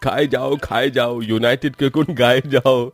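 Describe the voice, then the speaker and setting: A man voicing a cheeky young husband in a cartoon family tale, ribbing the household with easy mockery. His voice sits at an ordinary middle pitch. Faint music plays under him. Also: fairly even intonation, measured pace, no echo, lightly acted. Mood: teasing. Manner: joking, mocking tone. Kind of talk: cartoon story voice acting.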